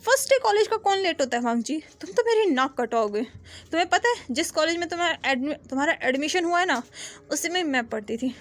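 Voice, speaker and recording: A woman's voice: high voice, animated, brisk. A woman voicing a bossy but loving older sister, a young businesswoman, scolding and teasing her younger brother in a storybook retelling.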